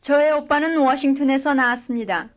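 A woman with a high-pitched voice reads model sentences in a language drill at a fairly quick pace. She gives each full sentence careful, even treatment, and the recording is dull and lo-fi.

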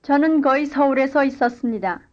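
A woman reading a scripted language-lesson dialogue and drill answers in clear, careful model sentences. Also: high-pitched, brisk, muffled recording. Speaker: language course speaker.

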